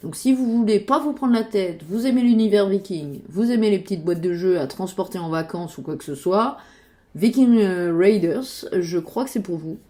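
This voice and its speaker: Her voice sits in the middle range with a dark tone, and she speaks at normal speed. This woman, a board game YouTuber, browses websites as she casually discusses board games, full of fillers, hesitations, and muttered asides to herself.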